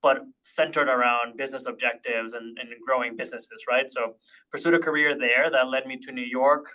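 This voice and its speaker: A man's voice: medium pitch, steady tone, brisk, pushed and bright, rough recording. A man in his thirties, born in Honduras, talking as a podcast guest in a reflective, casual way with many fillers and restarts. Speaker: podcast guest, tech partnerships leader. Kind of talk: casual interview chat.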